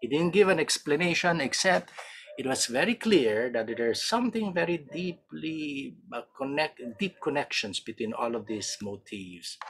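A Filipino man with a Filipino accent giving an archaeology lecture over slides on a video call, halting often, correcting himself and checking in with "right?". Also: a little high, sing-song, fairly bright tone, breathy edge. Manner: halting, many self-corrections and tag "right?".

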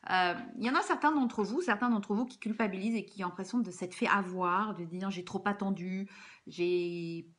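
Voyante française au ton bavard et détendu. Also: female voice, mid-range voice. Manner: chatty, many fillers and restarts. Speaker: tarot card reader. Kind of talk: casual spoken card reading.

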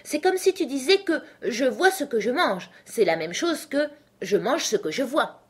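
A woman voicing the mad male Hatter in a storybook reading, speaking high, loud and scornful. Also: lively intonation, normal speed, slightly rough. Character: mad male Hatter, rude, fussy and contrary.

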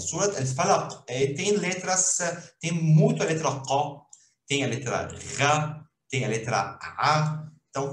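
A man teaching Arabic in a recorded online lesson, explaining slowly and haltingly with many restarts. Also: mid-range voice, roomy sound, slight background noise. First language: Portuguese.

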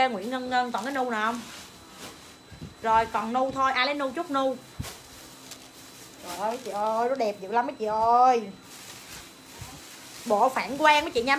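Fast, bright-voiced woman selling clothes. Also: on the high side, a little hiss or hum. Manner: rapid, excited hawking, calls to viewers and staff. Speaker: online clothing seller. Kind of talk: livestream sales pitch.

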